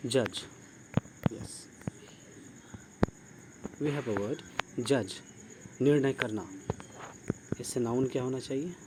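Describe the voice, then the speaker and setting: Slow, deliberate grammar teacher. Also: male voice, medium pitch. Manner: slow, deliberate, spells words out letter by letter; asks the class questions and praises answers. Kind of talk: online grammar lesson. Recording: steady insect and cricket noise behind.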